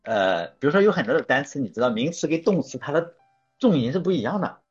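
Husky male host, animated delivery, casual rambling chat, dull lo-fi recording with faint music. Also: a little high, quick pace. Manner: rambling, anecdotal, self-correcting.

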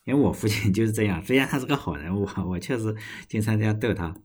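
Young Chinese man, solo podcast host, low husky voice, loose rambling delivery. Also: animated, fast talker, darkish tone. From China. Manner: rambling, frequent restarts and swearing. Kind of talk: casual solo podcast monologue.

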